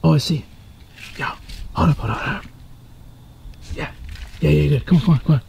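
A young man hosting a casual vlog, talking in hushed whispers while sneaking around at night, turning urgent and excited. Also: fairly high pitch, brisk, gravelly, lo-fi sound, slight background noise. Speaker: vlogger host. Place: RV and yard at night.

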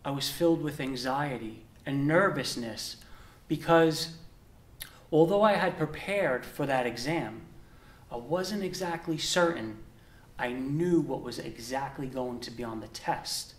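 A young man, a deacon and seminarian, reading the gospel and preaching in a measured, earnest way with emphatic pauses. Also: mid-range voice. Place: indoor chapel with a stone wall. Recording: echoey chapel room.

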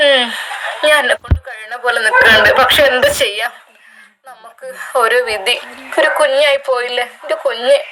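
A woman's voice: a little high, normal speed, over a noisy crowd, close to an everyday voice. A woman with a Malappuram accent voicing a weak, weary sick wife who pleads in a tired, resigned way, in a spoken story. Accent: Malappuram Malayalam.

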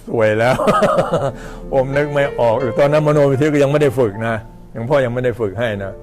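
An older male monk tells a story to his listeners in an animated, chatty way. His voice sits at a middle pitch, and he often breaks into a chuckle. Faint music plays behind him. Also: brisk. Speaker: Buddhist monk. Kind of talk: sermon storytelling.

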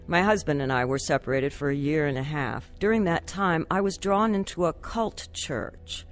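In a radio drama, a lead actress narrates in first person as a troubled wife and mother telling her life story, earnest, confessional and regretful. Her low-pitched voice moves at normal speed and stays close to everyday speech, with faint music behind it.

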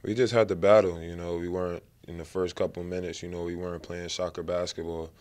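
Young male athlete, very deep, flat and smooth, relaxed "you know" delivery. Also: quick pace. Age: young adult. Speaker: college basketball player. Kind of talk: post-game interview. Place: press backdrop at an arena. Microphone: handheld mic held by interviewer.

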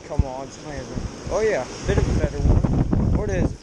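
A man on an ocean beach talks half to himself as he fishes, his voice a touch high for a man. A body-worn camera picks him up outdoors, and heavy wind roars over the mic with the surf behind it. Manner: muttering to himself, quick reactions. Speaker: angler filming his fishing trip. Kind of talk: casual running commentary. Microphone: action camera at chest height. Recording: loud wind noise on the mic.

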